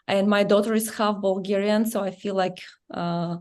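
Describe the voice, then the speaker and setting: A middle-aged woman from Russia with a Russian accent, a native Russian speaker, telling her story as an interview guest in earnest, halting English. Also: mid-range voice, steady tone.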